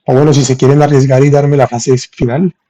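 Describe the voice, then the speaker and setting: A man teaching French in on a live stream, reading viewers' comments and saying French examples slowly. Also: medium pitch, level tone, mellow. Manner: reads viewers' chat, thanks them for gifts, spells French slowly. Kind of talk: live-streamed language lesson.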